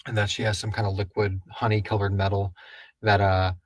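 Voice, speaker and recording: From the Houston, Texas area, this man co-hosts a casual live Q&A, an audio drama creator answering listener questions while rambling loosely and searching for words. His voice is lowish and level, fairly quick, with no room sound.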